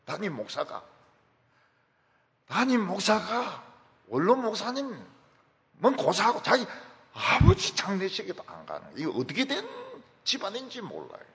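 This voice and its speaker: Man, pastor, sermon, emphatic storytelling, slightly high voice, long church reverb. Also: huge pitch swings, normal speed, a bit bright.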